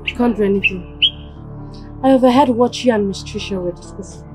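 A woman's voice: mid-range voice, fairly quick, warm tone, faint music behind, close to an everyday voice. An actress with a Nigerian accent playing a schoolgirl who taunts and threatens a rival in a mocking way. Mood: taunting.

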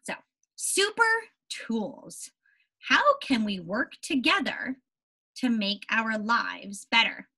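Her voice a little high, husky and sharp, a young woman teaches young children a read-aloud lesson, going slowly in a sing-song, expressive manner. This elementary school teacher stresses and repeats key words and checks in often, in a small indoor room with a whiteboard, on a low-quality recording.

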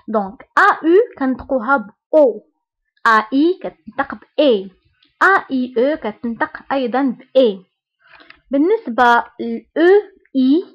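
A woman with a Moroccan Arabic accent teaching French pronunciation, spelling out vowel pairs and repeating each example word slowly. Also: sits high, highs cut off. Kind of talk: slow explanatory language lesson.

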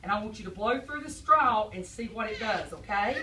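Brisk and medium-pitched with lively intonation, an adult preschool teacher quizzes and praises small children after reading to them. The sound comes from far off in an echoey classroom against a noisy background.

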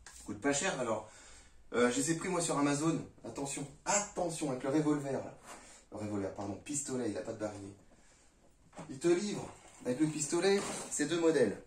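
A man's voice: mid-range voice, expressive, a little fast, darkish tone. A man rambles, swears and jokes with his viewers as he tests a pistol outdoors. He stands a few meters from the phone that records him. His voice sounds distant and echoey, with faint noise behind it. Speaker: gun reviewer. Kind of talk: casual video review. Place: outdoors shooting spot. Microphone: phone a few meters away.

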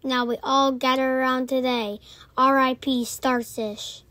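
A child voicing sea creatures in a homemade meme skit, with a theatrical, dramatic, slow delivery. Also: high-pitched, level tone, sharp tone, dry recording, soft background music. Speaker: amateur video creator. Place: indoors, filming a phone screen by hand.

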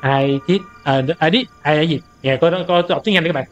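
A young man doing let's-play commentary on a horror game, easily startled into loud outbursts and translating the game's English lines aloud as he goes. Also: on the high side, brisk, soft background music. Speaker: gaming streamer.

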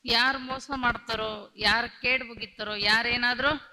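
A woman's voice: on the high side, fairly even intonation, normal speed, pushed and bright, in a large hall. A woman preacher giving a religious discourse, repeating lines in rhythm and telling stories. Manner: tells stories, acting out quoted voices. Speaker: spiritual preacher.

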